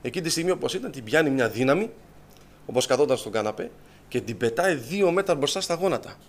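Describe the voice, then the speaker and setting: A man telling his personal testimony to a congregation, lively and storytelling, acting out what others said. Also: medium pitch. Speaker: church member giving testimony.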